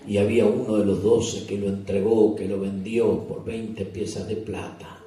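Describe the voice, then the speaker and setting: A man's voice: on the low side, level tone, normal speed, warm tone. A man, a pastor telling a sermon story and asking the congregation questions. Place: church retreat service. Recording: echoey church hall, distant mic.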